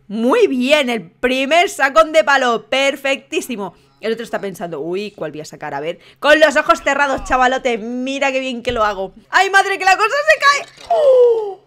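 A young woman with a Spain Spanish accent giving excitable let's-play commentary, full of exclamations. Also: sits high, measured pace, soft background music. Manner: excitable, frequent exclamations and laughter. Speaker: gaming YouTuber.

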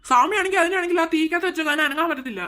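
A woman's voice: very high-pitched, rapid-fire, pushed and bright. A woman voicing a commanding male swami who chants spells against a ghost. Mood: stern.

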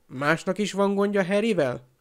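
A man's voice: fairly high pitch, animated, gravelly, darkish tone. A man voicing a blunt teenage boy prefect who speaks threateningly. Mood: stern.

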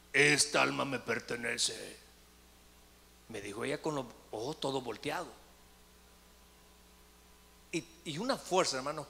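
A pastor preaching a sermon, telling a story with animated delivery and acted-out voices. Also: male voice, a little high, creaky, slight background noise. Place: church sanctuary. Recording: echoey church hall.

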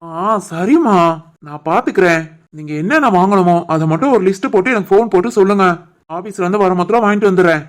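A performer voicing an earnest, caring young husband and brother in an animated family story. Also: medium pitch, fast talker, natural voice. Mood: obliging.

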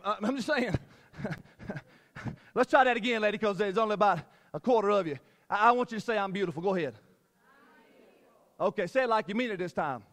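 A male preacher delivers a sermon in a church service, speaking into a handheld mic. His voice sits high for a man. He jokes with the congregation and repeats his phrases with lots of energy. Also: a bit bright, long reverb tail. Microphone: handheld microphone.

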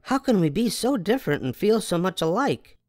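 A man voicing a small, naive, excitable young bird in a storybook. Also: sits high, normal speed, no room sound, studio quality, voice pushed up. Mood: wondering.

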